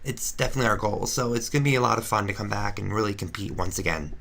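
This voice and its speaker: A woman's voice: a bass voice, steady tone, quick pace, gravelly, fairly bright tone, a little hiss or hum, heavily acted. A woman voicing a brash, gossipy female Flareon reality star, ranting sarcastically in a confessional-style fan drama. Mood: indignant. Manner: indignant, sarcastic ranting with restarts.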